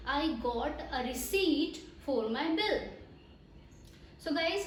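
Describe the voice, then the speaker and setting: A woman's voice: high-pitched, darkish tone, reverberant, slight background noise, rough recording. A woman with an Indian accent teaching English pronunciation, switching between Hindi and English and spelling words out letter by letter.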